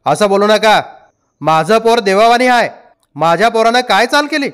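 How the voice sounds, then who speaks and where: A man voicing a hotheaded, touchy village father in a novel reading, speaking loudly and heatedly. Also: sits high, expressive, moderate pace, smooth, voice pushed up. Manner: heated, loud.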